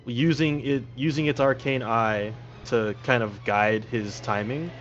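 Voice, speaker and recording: A man's voice: medium pitch, steady tone, measured pace, fairly bright tone, lo-fi sound, faint music behind. A man talking casually as a player in a tabletop role-playing game.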